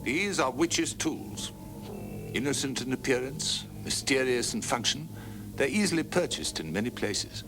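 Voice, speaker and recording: A man narrating a documentary in a dramatic, scripted way with slow ominous pauses, heard from an old VHS tape. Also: mid-range voice, animated. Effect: old VHS tape sound. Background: music.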